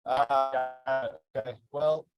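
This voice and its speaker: A man's voice: mid-range voice, steady tone, extremely slow, lo-fi sound, music in the background. A man moderating an online teaching session over a video call, his audio cutting in and out while he checks whether he can be heard.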